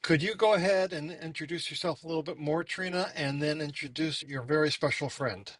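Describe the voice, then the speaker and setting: A man opens the show in an upbeat, welcoming way. His voice sits a bit high for a man, and the sound is dry and close to the mic. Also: a little fast, fairly bright tone, dry recording. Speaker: host. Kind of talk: show opening.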